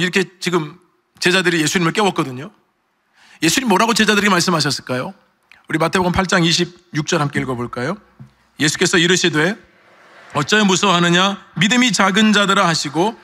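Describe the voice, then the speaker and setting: Bright-voiced male pastor preaching. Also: sits high. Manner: animated, acts out quoted voices. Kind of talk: sermon. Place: church sanctuary. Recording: long church reverb.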